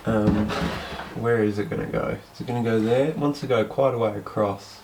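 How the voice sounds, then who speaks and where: The boat owner's lowish voice is brisk with fairly even intonation as he does his own cabin wiring, sniffly from the flu. He hesitantly thinks aloud while working with his hands in this casual vlog, and the background is noisy.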